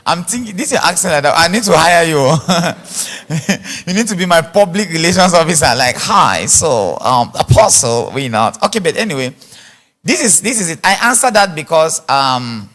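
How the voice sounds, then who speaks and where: A man preaching at a conference, answering questions and telling stories in an animated way. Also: high voice, normal speed. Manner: animated, storytelling, laughs often. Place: church conference hall. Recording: large echoey hall.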